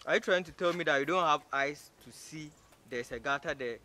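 A man's voice: a little high, a little fast, sharp tone. An actor playing a rude, arrogant man who mocks and insults a stranger, stammering and repeating himself as he scolds her. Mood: scornful. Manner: scornful, mocking, repeats himself in stammering bursts. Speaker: actor in a short film. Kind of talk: short-film drama acting.

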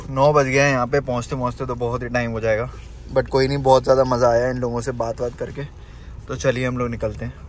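A young Indian man vlogs upbeat, casual chat on a road trip, his mid-range voice sprinkled with fillers like "matlab" and "yaar." He talks inside a car on the highway and at an outdoor roadside eatery, with road noise and an outdoor hum in the background.

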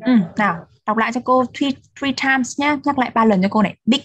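Patient teacher drilling children's words. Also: female voice, a little high, a bit bright, lo-fi sound. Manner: models words slowly for repetition, patient and encouraging. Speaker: English teacher. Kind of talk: children's English vocabulary drill.

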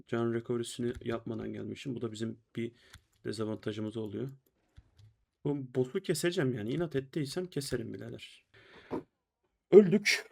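A man's voice: mid-range voice, fairly even intonation, brisk, gravelly, darkish tone, husky. A young man giving chatty let's-play commentary, talking to viewers and to himself as he plays, with keyboard typing behind. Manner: chatty, talks to himself and viewers while playing, exclaims at deaths. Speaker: gameplay streamer.

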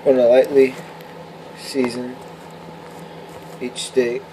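A young man vlogging in his home kitchen, explaining his cooking step by step in a relaxed, matter-of-fact way with plenty of fillers. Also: mid-range voice, slow pace, noisy background. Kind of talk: casual cooking vlog. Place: home kitchen indoors, then a car. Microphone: handheld camera close, at times set down.

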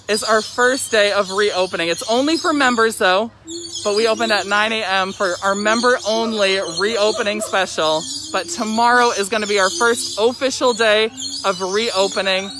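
A woman hosting a live zoo show in an excited, chatty way, her voice slightly muffled through a face mask. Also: a little high. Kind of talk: upbeat live-stream presenting. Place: outdoor zoo by a lorikeet aviary. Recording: very noisy aviary, loud bird and animal calls. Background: loud bird calls and chirping.

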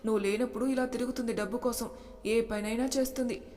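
A woman's voice: a little high, steady tone, quick pace, mellow, close to an everyday voice. A woman voicing a predatory wealthy male boss who taunts and threatens, with little change from her narrating voice. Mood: menacing. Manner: menacing, taunting. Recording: long reverb.

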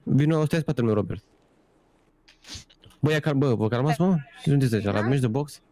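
A man in a game role-play playing a father, loudly scolding and ordering others around. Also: medium pitch, a crowd in the background. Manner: loud, bossy, scolding.

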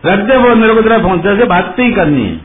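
A man's voice: on the high side, sing-song, normal speed. A man voicing an angry young woman scolding her boyfriend in a reproachful tone. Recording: muffled phone-like sound.

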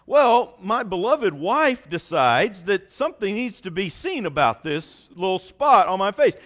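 Man, 40s, preacher; animated, self-deprecating storyteller, higher voice. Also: unhurried. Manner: animated, self-mocking storyteller with a folksy drawl. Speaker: pastor. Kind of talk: sermon storytelling. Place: church sanctuary.

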